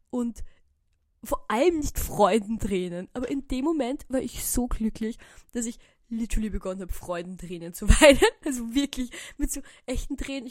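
A young woman, telling a personal story on her podcast in a chatty, animated way, full of fillers and English slang. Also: fairly high pitch, dry recording, clean studio sound. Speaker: podcast host. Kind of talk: casual storytelling monologue.

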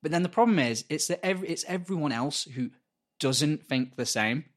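A man's voice: on the high side, normal speed. A man co-hosting a podcast, telling a story in casual, sweary chat and acting out the people in it. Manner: animated, swears freely, acts out voices in anecdotes. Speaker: podcast co-host.

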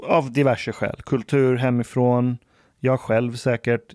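A man co-hosting a podcast, telling childhood stories in a slow, reflective way. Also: mid-range voice, flat delivery, a little mellow, no room sound, clean studio sound. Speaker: podcast co-host. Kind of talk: casual chat.

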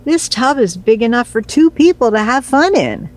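An actress playing a cheeky mother in her sixties, wry and lively. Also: a little high, normal speed, a little hiss or hum. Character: cheeky newly retired mother.

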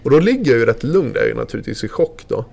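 Gravelly-voiced man telling a story. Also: medium pitch, very animated, darkish tone. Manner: vivid, loose retelling full of fillers and mild swearing. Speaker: former ski racer guest. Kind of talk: casual storytelling.

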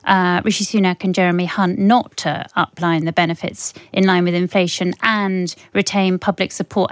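A woman's voice: medium pitch, no echo. A British woman giving political commentary as a columnist on a panel.

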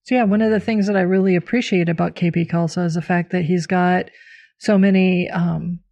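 A woman's voice: fairly low pitch, steady tone, fairly quick, vocal fry, dull audio. A woman hosting a podcast about herbalism, explaining plants and teachers in an informal, talkative way. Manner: warmly explanatory, informal, with fillers. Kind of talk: casual podcast chat.

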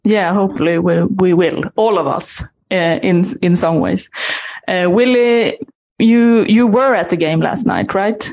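A woman's voice: fairly low pitch, measured pace, a little mellow. A woman hosting a football podcast, chatting casually with many hesitations and restarts. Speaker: podcast host.

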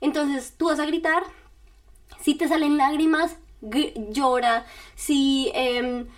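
A podcast host talks slowly in a high, steady voice, laying out casual self-help directions one step at a time. She's informal and chatty with the listener, adding little laughs.

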